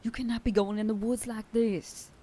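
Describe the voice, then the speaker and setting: A female voice actor plays a protective werewolf sheriff girlfriend in an ASMR roleplay, scolding and bossing before dropping to a tender whisper. Her voice sits on the high side with a level tone, normal speed and warmth.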